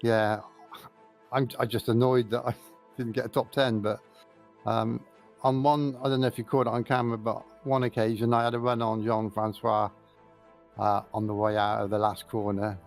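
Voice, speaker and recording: A man's voice: mid-range voice, flat delivery, normal speed, soft background music. A man racing in sim, sweaty after the race, answering interview questions in a self-deprecating way with frequent laughs.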